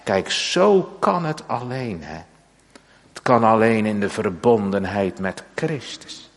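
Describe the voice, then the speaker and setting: Male pastor, low and very slow, solemn sermon with long pauses, church with long echo. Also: expressive. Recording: church hall with long reverb.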